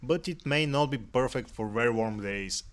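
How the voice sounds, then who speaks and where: Calm man narrating a cat hike. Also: mid-range voice, moderate pace. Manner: dry, gently humorous.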